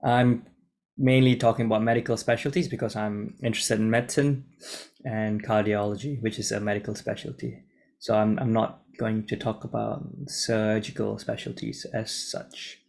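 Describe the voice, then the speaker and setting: A man's voice: fairly low pitch, level tone, normal speed, gravelly, darkish tone. A young man in his twenties from Singapore, a junior doctor talking casually to camera from a script, hesitant with many restarts, recorded on a laptop mic in his room. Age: 20s. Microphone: laptop mic on a video call.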